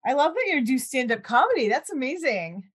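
A woman's voice: high voice, sing-song, a little fast, slightly rough. A woman hosting a casual, chatty interview show in an effusive, enthusiastic way. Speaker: podcast host interviewer.

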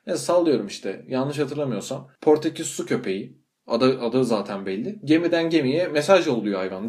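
A young man hosting a casual talk show, ranting in an animated, exasperated way and swearing freely. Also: mid-range voice. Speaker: podcast host. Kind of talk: casual monologue.

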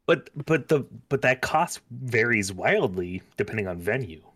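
A man's voice: medium pitch, animated, moderate pace, a bit bright. An American man co-hosting a casual podcast chat over drinks, talking in a loose, sweary way. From United States.

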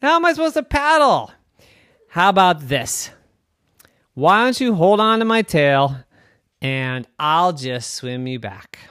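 A man voicing a friendly, chatty male walrus in a bedtime story, talking in a high, bouncy, cheerful voice. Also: very animated, takes it slowly, pauses often, a bit bright, smooth, dry recording, studio quality, heavily acted.

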